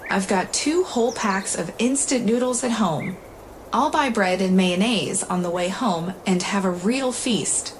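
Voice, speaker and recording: A woman's voice: mid-range voice, unhurried, natural voice. Woman reading kind young student guy, earnest and caring, slight hiss.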